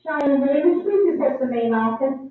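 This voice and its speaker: Woman on a school intercom, high-pitched, tinny and echoey from across the room. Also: expressive, moderate pace. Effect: over the school intercom. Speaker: school office staff. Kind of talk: public address announcement.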